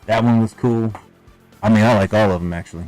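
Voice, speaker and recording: A man's voice: fairly low pitch, fast, darkish tone, soft background music. A man joining a casual toy livestream, upbeat and enthusiastic as he chats.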